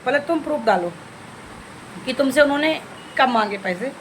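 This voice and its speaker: High-pitched scolding woman vlogger. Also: animated, moderate pace, slight background noise. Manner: taunting, scolding, repeatedly addressing an older woman. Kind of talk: scolding reply video.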